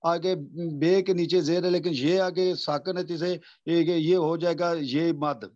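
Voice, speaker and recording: A man's voice: fairly high pitch, steady tone, a little mellow, muffled recording. A male student in an online tajweed class, explaining hesitantly and deferring often to his teacher.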